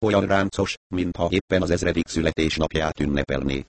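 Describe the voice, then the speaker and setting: A male narrator reads a first-person adventure story with a wry, storytelling touch. His voice is deep, and the recording is dry and close with no room sound. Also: dry recording. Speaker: audiobook narrator.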